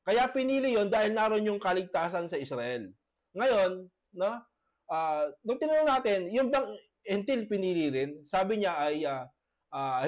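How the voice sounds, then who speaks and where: Male pastor, high voice, coughing, halting debate speaker on a video call. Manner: halting, many tag questions. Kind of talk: debate presentation.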